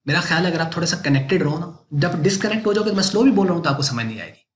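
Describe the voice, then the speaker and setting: Male lecturer with a somewhat high voice who drills each accounting point through self-answered questions. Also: expressive, racing. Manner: asks rhetorical questions and answers them himself; emphatic, repetitive explaining. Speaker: accounting teacher. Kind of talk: recorded classroom lecture.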